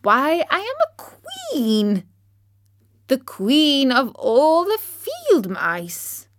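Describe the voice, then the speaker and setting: A woman voicing a tiny, proud female mouse queen in a squeaky, high voice. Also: huge pitch swings, exaggerated voice. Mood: indignant. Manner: high, slow and indignant.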